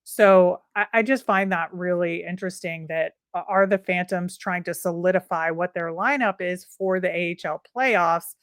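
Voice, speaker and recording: A woman's voice: on the low side, moderate pace, hardly any pauses, dry recording, clean studio sound. A woman co-hosting a sports podcast, chatting casually and thinking aloud with plenty of fillers. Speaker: podcast co-host.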